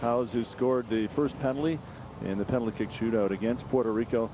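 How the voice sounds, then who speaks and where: Mid-pitched male soccer analyst. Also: fairly even intonation, fairly quick, noisy background. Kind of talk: live match analysis.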